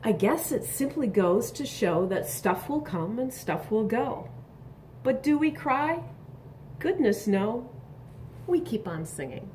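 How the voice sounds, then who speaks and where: Reading a picture book aloud for young children, a woman with a slightly high voice is expressive and instructive, pausing now and then to ask questions or add an aside. A little hiss or hum sits in the background.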